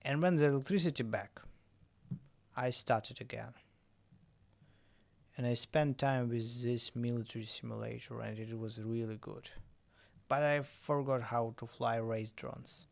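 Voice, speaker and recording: A man streaming a drone-flying game, chatting casually in halting English. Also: medium pitch, steady tone, vocal fry. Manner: halting, self-correcting non-native English.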